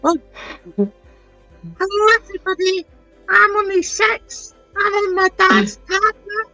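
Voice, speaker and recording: Six-year-old boy, morphing pitched-up voice, squeaky, drawn-out, sing-song. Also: very animated, gravelly, sharp tone, highs cut off, soft background music, exaggerated voice. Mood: wheedling. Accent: Scottish. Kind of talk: live stream banter.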